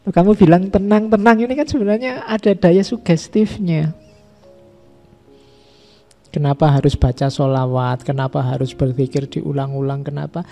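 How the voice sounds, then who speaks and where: A man giving a relaxed, conversational philosophy lecture in a mosque, listing ideas one by one. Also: fairly high pitch, moderate pace, creaky, soft background music. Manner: conversational, repeats and lists ideas. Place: mosque hall.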